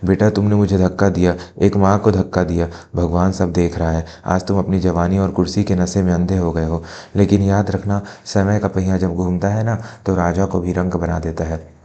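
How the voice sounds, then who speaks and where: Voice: sits low, level tone, moderate pace, mellow, lightly acted. A performer voicing a poor, dignified elderly mother who pleads earnestly in a family drama. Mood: reproachful.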